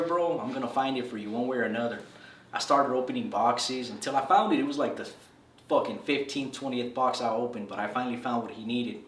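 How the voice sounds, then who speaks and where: This interviewee is a Salvadoran man in his thirties sharing his story in a loose, relaxed, slangy style, dropping "bro" constantly in what amounts to a casual storytelling interview. His voice sits at an ordinary middle pitch with a fairly bright tone. He's a bit off the mic in a roomy, echoing space, and there's a faint hiss or hum.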